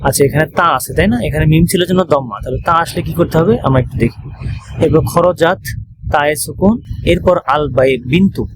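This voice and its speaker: A man with a Bangladeshi Bengali accent teaches an online grammar class and walks through each rule step by step. He reads example phrases slowly, then translates them, often asking short checking questions. His voice sits a little high, over steady background noise. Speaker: Arabic teacher. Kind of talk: recorded online grammar lesson.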